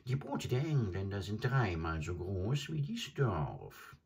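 A man voicing a proud, fussy male crane who croaks out pompous complaints. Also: fairly low pitch, very animated, slow pace, darkish tone, voice pushed up, exaggerated voice.

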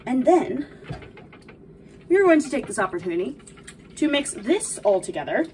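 A woman's voice: sits high, sing-song, normal speed, a little mellow. A young woman playing a sweet, cheerful video game princess, explaining baking in a dainty, encouraging, instructive way. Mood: gentle, instructive. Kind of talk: in-character cooking tutorial. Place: small home kitchen, indoors. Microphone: camera a few feet away. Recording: distant mic, noticeable background noise.

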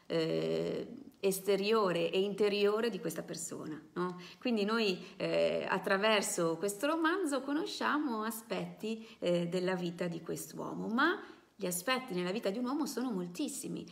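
Gravelly-voiced woman reading a novel aloud. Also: fairly low pitch, unhurried. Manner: expressive reading, hesitant when commenting. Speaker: novel reader and reviewer. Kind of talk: live reading and book commentary.

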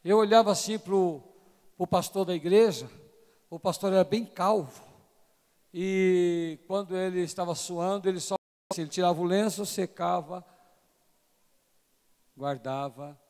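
A man preaching a sermon, telling a story that builds from hushed tones to shouting. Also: high-pitched, measured pace, pauses often. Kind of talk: sermon testimony. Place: large church hall. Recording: long church hall reverb.

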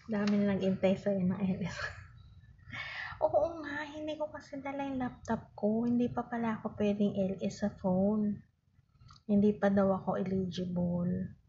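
Soft-spoken woman live-streaming, whispering. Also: mid-range voice, unhurried, highs cut off, a little hiss or hum. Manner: often drops to a whisper, greets viewers by name. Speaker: live-stream seller hosting a giveaway. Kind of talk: casual live-stream chat. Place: home with other people around. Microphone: phone camera.

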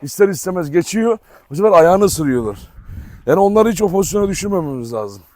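A man's voice: high voice, sing-song, fast talker, a little mellow, dry recording. A man, a dog breeder hosting a vlog, chatting casually to his viewers and calling to his dogs in an outdoor kennel yard. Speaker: dog breeder and channel host.

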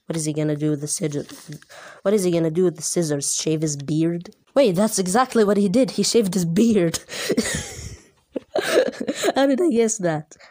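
A woman giving casual, amused commentary as she reads her old childhood book aloud, often laughing at herself and pausing on fillers. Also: on the low side, dark tone, no echo. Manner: amused, self-mocking, frequent laughter; hesitant, many fillers. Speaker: book reviewer.

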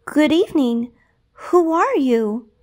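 Lady doing a gentle young girl from a fairy tale, soft and earnest, slow. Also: high-pitched, animated, voice pushed up. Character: gentle, sweet young woman, a kind servant girl.

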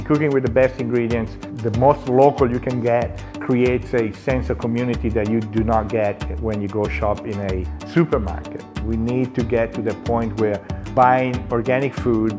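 A man in his forties, a culinary instructor, talking earnestly in a seated documentary interview and pausing often on "uh". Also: medium pitch, fairly even intonation, over music. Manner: earnest, with frequent "uh" fillers. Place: indoor lounge, seated.

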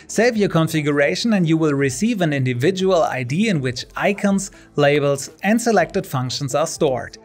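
A man narrating a scripted product demonstration in a clear instructional tone. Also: on the high side, animated, normal speed, hardly any pauses, soft background music.

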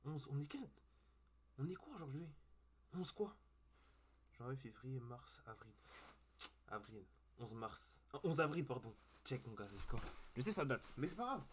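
A man's voice: medium pitch, very animated, moderate pace, long pauses, slight background noise. Slangy, rambling young man. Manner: slangy, rambling, swears casually. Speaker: reaction video host. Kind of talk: casual chat to viewers. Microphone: cheap webcam mic.

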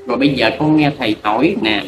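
A man's voice: mid-range voice, lo-fi sound, close to an everyday voice. A man playing a crude, bossy old fortune teller, scolding and teasing. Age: older. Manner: scolding, teasing, rapid and bawdy. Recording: echoey room with noise.

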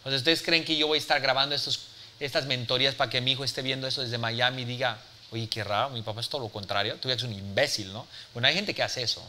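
Blunt, forceful man in his forties. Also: mid-range voice, fairly even intonation, quick pace, a little hiss or hum. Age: 40s. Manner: blunt, forceful, swears freely, peppers with "¿sí?". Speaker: business speaker and mentor. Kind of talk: live mentoring talk to an audience.

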